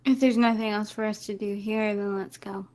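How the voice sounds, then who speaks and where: A woman playing a tabletop game as team leader, speaking deliberately. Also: mid-range voice, fairly even intonation, a little mellow. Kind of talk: tabletop play.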